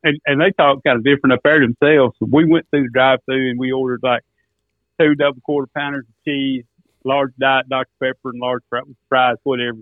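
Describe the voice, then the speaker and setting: A man's voice: mid-range voice, fairly even intonation, a little fast, dry recording. Folksy Arkansas man on a tinny phone line. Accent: Arkansas Southern. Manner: folksy, drawling. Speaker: guest, duck caller and turkey hunter. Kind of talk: casual storytelling interview. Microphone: remote phone call.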